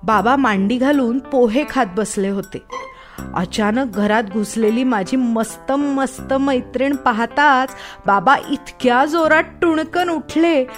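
A woman narrating a children's story in a slow, expressive way. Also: high voice. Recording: soft background music.

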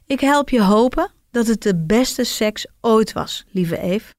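A woman voicing a teasing, gently disapproving male colleague in a read-aloud diary story. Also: on the high side, animated, slow pace, dry recording, studio quality.

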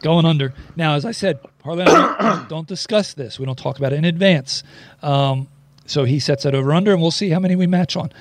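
A podcast host chats casually and loosely, sprinkling his talk with plenty of ums. He is a man with a voice on the high side, speaking fast.

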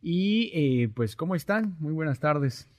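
A man's voice: on the high side, expressive, takes it slowly. A man reporting car news in a polite, formal, agreeable manner. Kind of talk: casual radio show chat.

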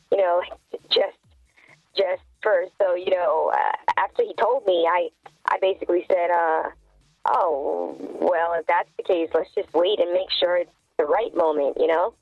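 A woman's voice: lowish voice, dry recording. A woman in her twenties calling in with her voice run through a voice changer, talking hesitantly with many "I mean" and "you know". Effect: voice changer disguising the voice. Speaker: caller. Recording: tinny phone line, dry, faint music.

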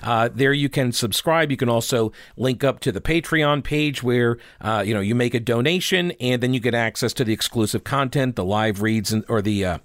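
A man hosting a talk podcast with a slightly harsh, hoarse voice, speaking informally and with opinion. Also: mid-range voice, moderate pace, hardly any pauses, fairly bright tone, no room sound. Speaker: radio and podcast host. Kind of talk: conversational talk show monologue.

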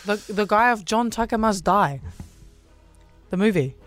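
A New Zealand woman co-hosts a radio show with casual banter. Her pitch moves around in a lively way, with faint music underneath. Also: unhurried. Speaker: radio co-host.

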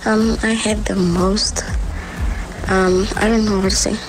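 A woman's voice: medium pitch, little pitch movement, measured pace, rough recording. A woman hesitantly confiding in a radio phone-in, her voice disguised with a chipmunk, helium-like effect. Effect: voice altered to a chipmunk, helium-like sound. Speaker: anonymous radio caller. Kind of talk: personal phone-in confession. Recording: radio phone-in over music bed.

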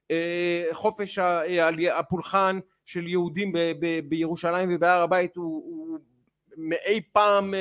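A man with a rather high voice delivers an impassioned, argumentative monologue about his work as a TV journalist. He is emphatic, often pausing on fillers and restarting his sentences. The sound is dry and close, with no room echo. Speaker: TV journalist and interviewer. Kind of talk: impassioned opinion monologue on a podcast.

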